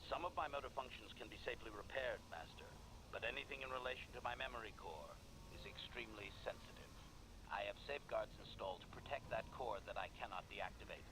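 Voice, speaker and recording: A man's voice: lowish voice, fast talker, background noise. A man voicing a video game assassin droid, servile yet condescending, formal and clipped, through a metallic robot filter. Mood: haughty, servile. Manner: formal, clipped, announces each statement type, obsequious yet haughty. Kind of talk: scripted video game dialogue.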